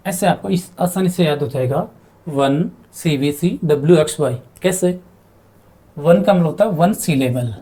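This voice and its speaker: Guy teaching grammar at a board, warm low-key tone, asks questions then answers them. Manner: explains slowly, spells words letter by letter, asks and answers his own questions. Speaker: English teacher. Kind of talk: spoken grammar lesson at a board.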